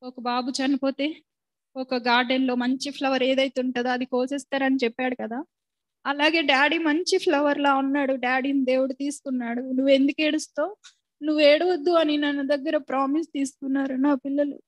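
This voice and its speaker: A middle-aged woman speaks an earnest, tearful church testimony. Her voice sits high and fairly level. She is recorded close and dry, with no room around her. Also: flat delivery, brisk, no echo. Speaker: widow giving a church testimony. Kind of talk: emotional spoken testimony.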